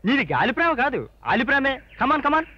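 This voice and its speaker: A man's voice: very high-pitched, sing-song, brisk, exaggerated voice. An actor playing a cocky young male friend who teases in a breezy, wisecracking way. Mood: teasing. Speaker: film character. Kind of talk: film dialogue. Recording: dull, lo-fi film soundtrack.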